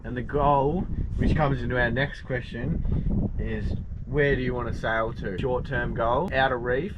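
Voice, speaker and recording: A man's voice: medium pitch, steady tone, a little slow, muffled recording. Aussie guy in his twenties, easygoing, chuckles a lot, noisy outdoor boat audio. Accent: Australian. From Australia. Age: 20s. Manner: laid-back, laughs easily. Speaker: sailing vlog co-host. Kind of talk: casual chat. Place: aboard a sailboat, outdoors.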